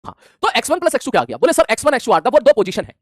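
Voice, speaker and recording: Lively fast-talking male physics teacher. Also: very high voice, dry recording, studio quality. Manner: animated, plays out imagined student replies. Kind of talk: classroom lecture.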